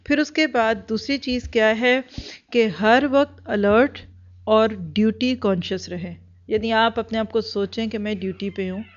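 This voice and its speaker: In an earnest instructional talk, a woman with a fairly high voice trains group leaders, keeping her tone steady. She restates each point and supports it with everyday examples. The audio comes across dull and lo-fi.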